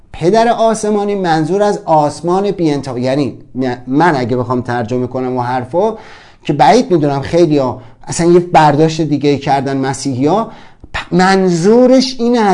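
A man's voice: fairly high pitch, mellow. A man giving a motivational seminar talk, telling stories animatedly and acting out the voices of the people he quotes. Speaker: motivational speaker.

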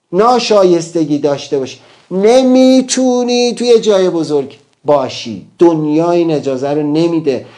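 A man delivers a motivational talk in a fairly high, mellow voice. He speaks emphatically and keeps turning to his listeners with rhetorical questions.

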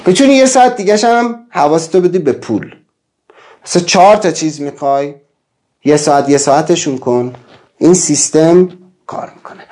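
Man, self-help teacher, higher-leaning voice, animated lecturing, lists and repeats, restarts words. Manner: animated, wide swings in pitch. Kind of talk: lecture to an online class.

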